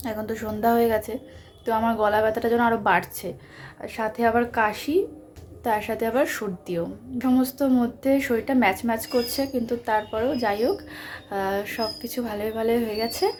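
A young woman with a Bengali accent chatting casually to her viewers in a home vlog, talking softly because of a sore throat. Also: a little high, steady tone, fairly quick, a little hiss or hum. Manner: chatty, tag questions to viewers. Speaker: vlogger.

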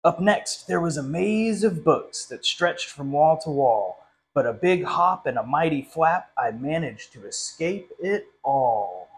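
Seated a little way from the camera in a small classroom, a literacy council director reads a picture book in a friendly, lively storytime manner for children. He is a young adult man with a fairly high-pitched voice, speaking a bit slowly. The audio quality is poor.

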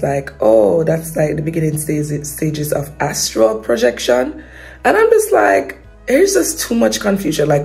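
Young woman, vlogger, low gravelly voice, rambling chat, faint music behind. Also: warm tone. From Jamaica. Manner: rambling, trails off with repeated hedges and fillers. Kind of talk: casual confessional chat to camera.

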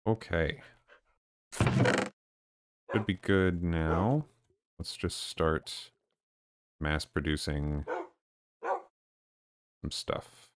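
A man streaming a game live, chatting casually with viewers in a low-key, deadpan way. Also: extremely slow, long pauses. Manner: low-key and deadpan, even when excited. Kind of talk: casual live-stream chat while gaming. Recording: noisy with clicking in the background.

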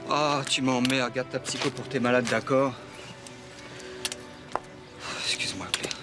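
A man's voice: medium pitch, steady tone, fairly quick, music in the background, close to an everyday voice. An actor playing a loyal, blunt policeman in a TV drama, talking in a plain colloquial way. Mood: bitter. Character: loyal blunt police officer, godfather to a boy. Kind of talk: French TV film drama acting.

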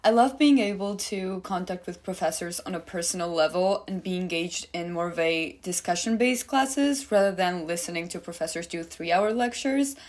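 A young woman from Georgia, a marketing student, answering interview questions clearly and composedly over a video call. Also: on the low side, lively intonation, moderate pace, hardly any pauses, darkish tone. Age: young adult.

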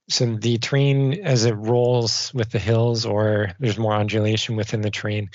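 A man, a civil designer, giving measured technical answers in a podcast interview. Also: fairly low pitch, dry recording. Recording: dull dry studio sound.

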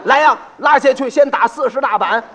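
A blustering old-time county magistrate in a comic monologue, played by a man. He lectures and scolds in an officious tone. His high voice rises and falls with lively swings. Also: a little slow, some chatter behind, full character voice. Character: pompous male county magistrate, hot-tempered and blustering.

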